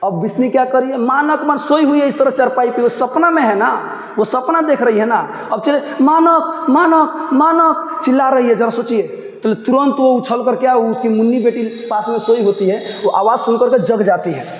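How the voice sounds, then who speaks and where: Hindi teacher going through a play line by line, high voice, echoey room, kinda dull sound. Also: male voice, moderate pace. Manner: explanatory, repeats lines and asks listeners to pay attention. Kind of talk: line-by-line lesson explaining a play.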